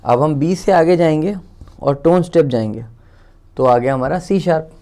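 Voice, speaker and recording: A warm, fairly high male voice at a moderate pace belongs to a man with an Indian accent. He's teaching music theory informally as he writes, counting through the steps aloud and catching his own errors.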